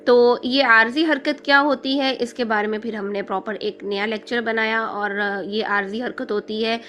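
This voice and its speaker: A woman's voice: a little high, fairly even intonation, a bit bright, a little hiss or hum. A woman teaching Quran recitation rules in an online lecture, explaining step by step and checking in with listeners.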